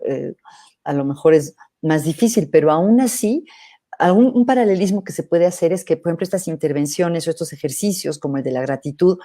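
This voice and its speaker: A middle-aged woman psychologist, answering questions in a thoughtful, measured way with hesitant restarts. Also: sits low, mellow. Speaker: psychologist guest. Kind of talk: live interview answering questions.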